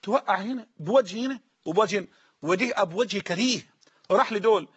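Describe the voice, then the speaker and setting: A man preaching a sermon-style lesson with an Egyptian Arabic accent, emphatic, slowing down to repeat sayings so listeners can write them down. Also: high voice, breathy edge, muffled recording.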